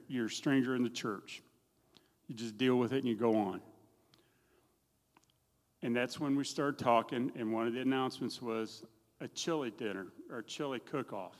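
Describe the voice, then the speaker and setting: A middle-aged man giving a plain-spoken, folksy personal testimony in a church, telling his story with a self-deprecating edge. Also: mid-range voice. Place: church hall. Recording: long reverb of a church hall.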